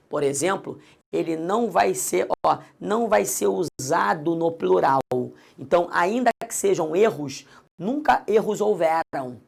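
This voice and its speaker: Guy teaching grammar, super gravelly fried voice, kinda husky, keeps talking right to the student. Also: sits high. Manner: lively, addresses the student directly and coaxes them along. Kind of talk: recorded video lesson.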